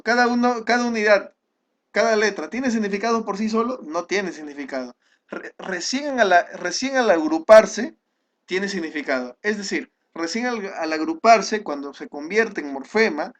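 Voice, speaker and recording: Male teacher, high-pitched, patient explainer, recorded class lesson. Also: a bit bright, slight background noise. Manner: explanatory, with frequent checking "¿ya?" and restarts.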